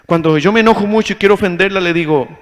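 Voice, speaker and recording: A male pastor preaching a humorous marriage sermon, telling stories and acting out both sides of arguments with animated energy. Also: sits high, rapid-fire, long reverb tail.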